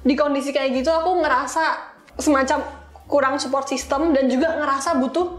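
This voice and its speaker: Her voice is high and brisk with fairly even intonation as this young iOS developer chats through stories on an interview. She talks slangily and mixes in English words. An echoey, roomy recording carries it.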